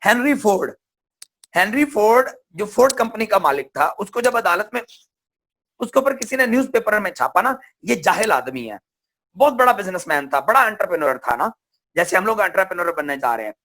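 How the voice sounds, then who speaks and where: A man's voice: sits high, animated, a little fast, pushed and bright. A man from Pakistan giving a motivational seminar talk, asking questions and answering them himself. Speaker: seminar speaker.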